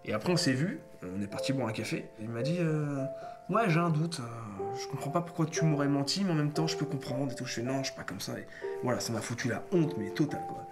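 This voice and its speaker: A man in his thirties telling a personal story to camera in a casual, animated way, acting out bits of dialogue and poking fun at himself. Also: mid-range voice, quick pace. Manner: animated, acts out dialogue, self-mocking. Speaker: YouTuber. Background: loud background music.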